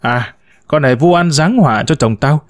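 A man's voice: on the high side, normal speed, no echo, natural voice. Man putting on a hot-headed young wife, fiery, dry close sound, storybook. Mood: enraged. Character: young wife swearing to fight.

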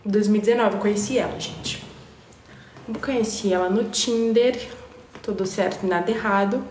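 A young woman, telling a story to her live stream viewers in an animated, slangy way. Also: medium pitch, normal speed, roomy sound, a little hiss or hum. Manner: animated, slangy, addresses chat directly.

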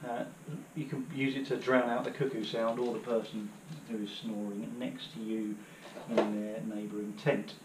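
A lowish voice with little pitch movement keeps a moderate pace and barely pauses. It belongs to a British gear vlogger in his thirties who kneels on his living room floor, casually rambling through his hiking kit with plenty of fillers. A floor camera a few metres away captures reverberation and a noisy background.

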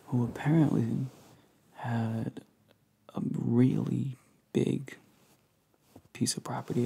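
A young man in casual, confiding pillow talk, telling a story in a soft murmur that drifts into a whisper. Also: medium pitch, gravelly, background noise. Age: young adult. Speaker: ASMR creator. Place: living room couch, indoors.

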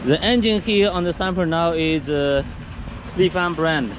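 A man giving a product walkthrough of a go kart outdoors, speaking halting English with many fillers and restarts. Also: a little high. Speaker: factory sales rep showing a go kart. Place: outdoors beside go karts on pavement. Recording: outdoor camera audio with background noise.

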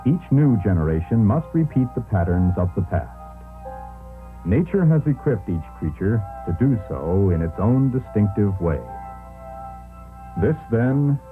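A man narrating a nature documentary in a slow, measured, solemn way, heard from a worn VHS tape copy. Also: deep voice. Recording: thin, tinny worn VHS tape with music. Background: music score.

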